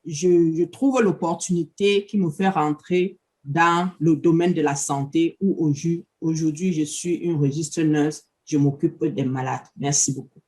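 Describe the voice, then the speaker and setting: A woman's voice: sits low, fairly even intonation, measured pace, a little mellow. A middle-aged woman from Cameroon answering interview questions politely, hesitating often. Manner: polite, hesitant with many fillers. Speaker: interview guest.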